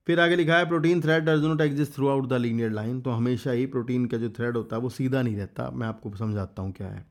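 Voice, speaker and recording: A man's voice: mid-range voice, a little mellow. A man giving a casual exam revision biology lecture, reading textbook lines in English and explaining them in Hindi, urging students to remember key points. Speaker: biology teacher.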